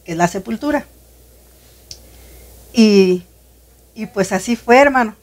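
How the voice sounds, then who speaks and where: A woman's voice: medium pitch, lively intonation, slow. A woman sharing a personal faith testimony in conversation, earnest and heartfelt, often addressing the listener as brother. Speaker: guest sharing her testimony.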